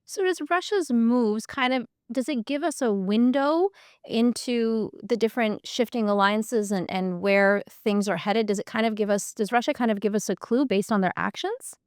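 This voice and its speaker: A woman's voice: fairly high pitch, normal speed, darkish tone, smooth, no room sound, studio quality. A woman hosting a podcast, asking conversational interview questions and rephrasing them as she goes. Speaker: podcast host.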